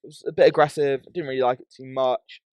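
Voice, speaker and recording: A man's voice: medium pitch, steady tone, fast talker, darkish tone, smooth, no echo. A British man hosting a podcast in casual, slangy chat, often tagging his points with "bro" or "yeah". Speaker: podcast host.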